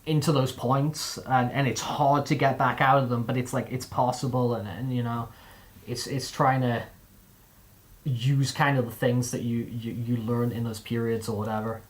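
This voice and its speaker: A man's voice: medium pitch, little pitch movement, moderate pace. A young man with a mixed, displaced accent, chatting casually on a live stream, rambling with many fillers and restarts.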